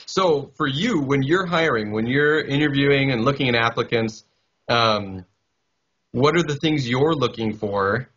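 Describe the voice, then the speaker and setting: A man's voice: mid-range voice, measured pace, a bit bright, husky. A man in his thirties hosting a podcast interview, asking easygoing questions over a headset mic on a video call. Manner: easygoing, affirming listener. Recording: dull, lo-fi call audio.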